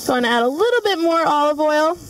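Brisk and animated, a young woman with a high-pitched voice leads a cooking demo in a spacious studio kitchen. The culinary student narrates each step with frequent fillers, her voice captured from far from the mic.

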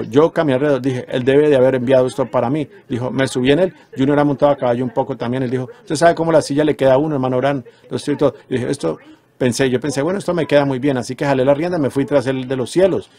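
A man's voice: medium pitch, darkish tone. A man preaching a sermon, retelling dreams earnestly and rising into emphatic exhortations.

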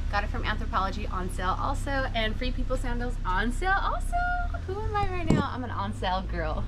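A woman's voice: a little high, sing-song, fast, heavy background noise. A young woman chatting casually for her vlog, upbeat and full of questions, filmed inside a car at night. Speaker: vlogger. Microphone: camera on dashboard.

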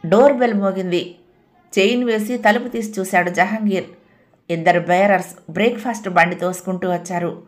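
A woman narrates a serialized audio novel in a calm, steady way, with a medium-pitched voice. Her reading is even and measured, moving the story along without hurry.

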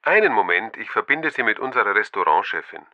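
A courteous male hotel receptionist for a language course. He has a polite customer service voice, slightly low and lively in its intonation. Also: fairly quick, muffled recording. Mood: polite, helpful. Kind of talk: acted language-course dialogue.

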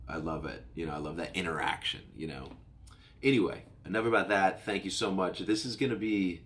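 A middle-aged man with a deep, slightly bright voice hosts his own podcast from a home studio, using a studio mic on a boom arm and headphones. It's a casual solo chat: he rambles cheerfully and upbeat, corrects himself, and sounds a bit stuffed up from a cold.

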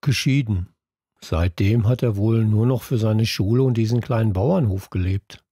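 Brief: narrator as an unhurried, composed boy, low and husky, dry sound. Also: no echo. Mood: calm. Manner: calm, measured. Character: calm thoughtful schoolboy Luca.

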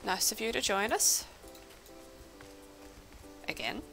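A young woman laughs and exclaims through a relaxed gaming session, her voice swooping widely from low to high. She talks slowly on a close mic, with a gravelly edge when her voice dips, and quiet music plays underneath. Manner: giggly, easily amused, exclaims often. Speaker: gamer playing with friends. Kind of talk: casual gameplay chat. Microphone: close desk mic.

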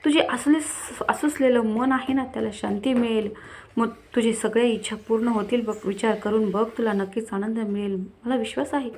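A woman voicing a man's cheerful village friend who gives warm, persuasive advice. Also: on the high side, steady tone, normal speed, a little hiss or hum, lightly acted. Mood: encouraging.

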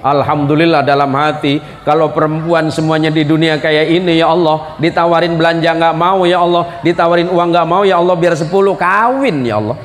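A man's voice: on the high side, fairly even intonation, a little fast, hardly any pauses. A middle-aged man giving a humorous sermon, teasing the audience and asking them questions. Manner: joking, teasing, asks the crowd questions. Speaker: preacher. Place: large hall at a religious school celebration. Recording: long hall reverb with crowd and noise.

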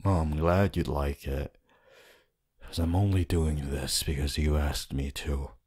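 Man voicing Hitoshi Shinsou, very deep husky flirt. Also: steady tone, a little mellow, exaggerated voice. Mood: tired, awkward. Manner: slow, halting, low-key delivery with sighs and pauses. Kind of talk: roleplay ASMR voice acting.

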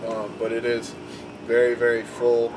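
A man, speaking with a cigar in his mouth as he casually reviews it, relaxed and drawling. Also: medium pitch, moderate pace. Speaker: YouTube cigar reviewer, channel host. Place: outdoors at his house. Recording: distant mic, noisy outdoor air.

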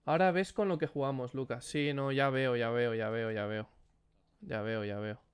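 A man hosting a casual gaming chat, animated and swearing as he exclaims over the gameplay. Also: mid-range voice, moderate pace, clean tone. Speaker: streamer host.

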